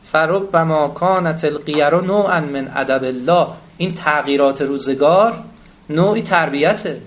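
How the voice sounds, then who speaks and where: A man delivers a religious lecture, reciting scripture and then explaining it in plain, self-deprecating talk. He often turns to the audience with questions. His voice sits fairly high, and the recording is dull and lo-fi. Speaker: cleric lecturer.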